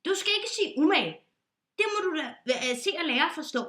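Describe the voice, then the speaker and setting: A woman's voice: big pitch swings, heavily acted. A woman doing a pompous scolding duck pilot. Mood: bossy. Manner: scolding, pompous, loud and high. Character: fussy bossy duck pilot, strict about words. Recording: roomy echo.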